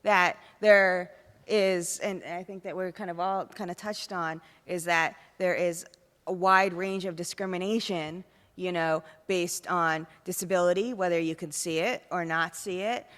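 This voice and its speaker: A woman's voice: on the low side, fairly even intonation, measured pace, fairly bright tone. A woman panelist speaking thoughtfully and loosely, filling her sentences with "you know" and "kind of". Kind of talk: panel discussion remarks. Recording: long hall reverb.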